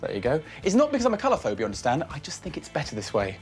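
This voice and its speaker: A man's voice: on the high side, wildly swooping pitch, racing, faint music behind. A man presenting a property show, touring a house and narrating with playful puns and theatrical asides.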